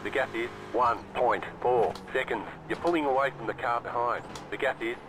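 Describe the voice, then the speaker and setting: Race spotter, voiced by a man, terse radio callouts, mid-pitched and matter-of-fact. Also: steady tone, normal speed. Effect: terse in-game spotter radio calls. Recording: loud engine noise behind.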